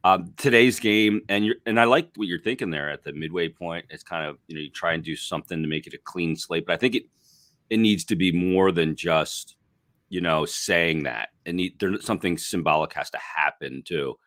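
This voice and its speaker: Sick hockey analyst guy, super deep rough voice, rambles a lot, dry sound. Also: normal speed, fairly bright tone, no room sound. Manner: rambling, restarts, self-deprecating. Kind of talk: casual sports chat.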